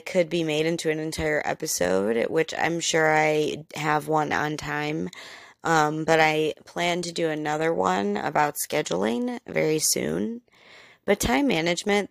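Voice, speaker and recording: Low gravelly woman podcasting casually. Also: measured pace, no echo, studio quality. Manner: chatty, candid, mild swearing, frequent "like" fillers. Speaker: podcast host. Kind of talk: casual solo podcast explainer.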